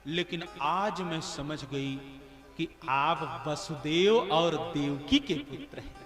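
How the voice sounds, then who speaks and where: A man's voice: a little high, animated, slow pace. A man voicing a grieving, devout widowed queen mother who pleads tearfully with her lord. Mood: pleading devotion. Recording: echoey hall with music behind.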